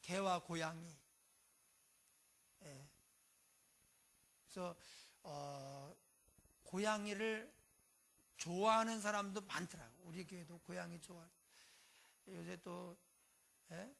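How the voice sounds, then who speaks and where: A pastor preaching a sermon in a conversational way, often dropping in short affirmations and shifting between loud and quiet. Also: mid-range voice, takes it slowly, creaky, long pauses.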